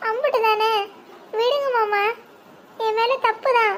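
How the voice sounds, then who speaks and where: A woman's voice: very high-pitched, fairly even intonation, a little slow, fairly bright tone, a little hiss or hum. A woman voicing a remorseful young wife in a cartoon, pleading with her husband for forgiveness. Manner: pleading, apologetic.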